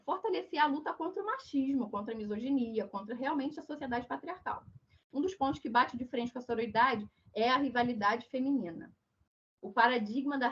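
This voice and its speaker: A Brazilian woman delivers an online lecture in a fairly high voice that is hoarse and duck-like from flu. She explains in a didactic way and often checks in with listeners. The audio is dull and muffled, as on an online call. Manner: didactic, frequent check-in tags. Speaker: lecturer giving a talk. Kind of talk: online lecture on social issues.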